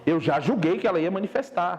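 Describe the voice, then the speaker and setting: Young Brazilian pastor preaching passionately. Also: male voice, lively intonation. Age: young adult. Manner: swings from loud urgent preaching to low slow emphasis. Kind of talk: sermon with storytelling. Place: church service.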